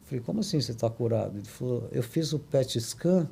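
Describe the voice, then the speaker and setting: Older guy from brazil, gravelly dark voice, telling a sad family story, lots of restarts. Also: mid-range voice, animated. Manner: halting, many restarts and tag questions. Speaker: podcast guest. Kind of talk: emotional personal storytelling.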